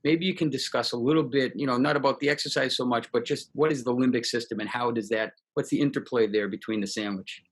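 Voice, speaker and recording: A man's voice: medium pitch, fast talker, few pauses. Male interviewer asking questions. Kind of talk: conversational interview.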